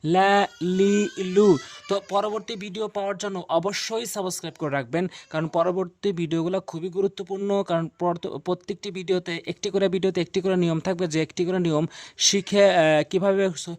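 A man teaching Quran reading in a video lesson, drilling syllables slowly and repeating sounds. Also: sits high, fairly even intonation, no room sound.

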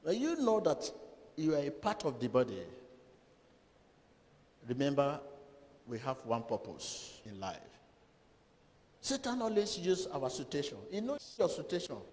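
Slow, emphatic preaching man in a big hall. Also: a little high, sing-song, a little mellow. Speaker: pastor. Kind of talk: sermon. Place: large church hall with a seated congregation. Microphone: handheld microphone. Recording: long hall reverb, faint room noise.

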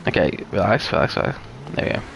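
A young man talks fast over background noise while live-streaming a driving game. He chats casually with viewers, swears a lot and vents road rage in his gameplay commentary.

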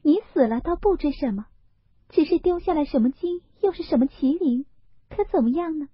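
A woman voicing a frail, sensitive young noblewoman from a classic novel, breathy and high, plaintive or quick and teasing. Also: expressive, no echo. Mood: teasing retort. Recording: dull, lo-fi, dry recording.

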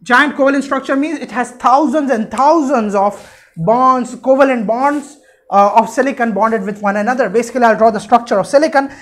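Young man, high-pitched for a male, emphatic explanatory lecturer who questions and answers himself. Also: fairly quick, a bit bright. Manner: emphatic, repetitive, asks and answers own questions. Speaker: chemistry teacher. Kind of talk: explanatory classroom lecture at a whiteboard. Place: indoor room, standing at a whiteboard.

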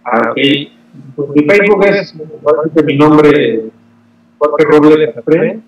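Relaxed man on a video call. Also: on the high side, slow, reverberant, muffled recording. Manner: relaxed, short agreeable replies. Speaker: guest, racket shop owner. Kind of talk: casual chat interview. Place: indoor shop with rackets on the wall. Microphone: webcam on a video call.

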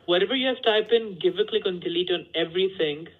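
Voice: medium pitch, fast. Insistent phone agent on a muffled line. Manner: insistent, repetitive, formally polite. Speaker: phone scammer posing as tech support. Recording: dull lo-fi phone call.

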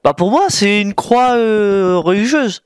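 A man's voice: high-pitched, expressive, takes it slowly, clean tone. A man giving casual gameplay commentary, thinking aloud while he plays and mocking himself with frequent apologies. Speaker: gaming YouTuber.

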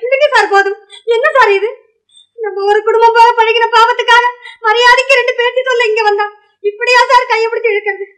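An actress playing a bold young singer woman in a 1950s film, quick and cheeky in her retorts. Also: sits high, a bit bright. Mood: indignant. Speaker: singer staying in the house.

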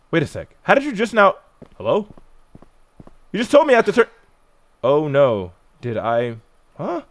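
A man hosting a horror game let's-play, talking to the game and swinging between hushed and loud reactions. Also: a little high, no room sound. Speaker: gaming video host.

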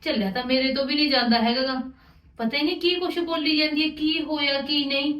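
A woman's voice: high-pitched, steady tone, quick pace, a bit bright, distant mic. A woman playing a niece in a family drama, earnest and pleading. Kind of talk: Punjabi domestic drama acting. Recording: echoey room, off mic.

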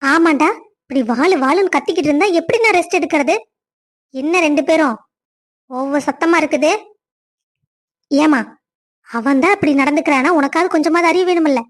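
A woman's voice: high voice, normal speed, long pauses, natural voice. A woman voicing a nagging older mother-in-law in a cartoon family story. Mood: grumbling. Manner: grumbling, scolding.

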